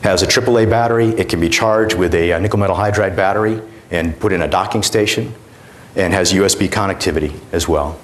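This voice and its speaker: Middle aged guy doing a conference demo, deep-ish voice, kinda halting and informal. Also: slight background noise. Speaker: presenter demonstrating a product. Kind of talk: conference product demonstration talk. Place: indoor conference room, on stage.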